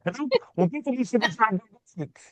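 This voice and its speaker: A man teaching a language class, reassuring his students and repeating words slowly. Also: high voice, expressive, pushed and bright, no echo. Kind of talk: patient step-by-step class. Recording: dull, dry sound.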